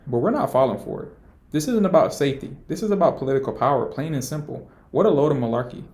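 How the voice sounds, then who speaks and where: A man narrating scripted political commentary with a mellow, darker tone at an ordinary pitch. His delivery is indignant and emphatic, with a mocking edge. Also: animated, fast.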